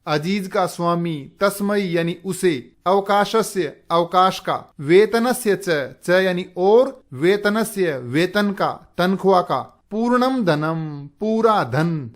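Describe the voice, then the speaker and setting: A man with a fairly high voice teaches a school Sanskrit lesson. He reads a line, then glosses it word by word at an unhurried, deliberate pace, the way a patient classroom teacher does.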